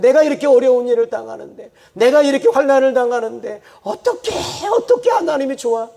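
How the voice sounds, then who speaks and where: A male pastor preaching a sermon and praying, swinging from loud fervent repetition to quiet, low reflection. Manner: repeats phrases for emphasis. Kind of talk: sermon with prayer.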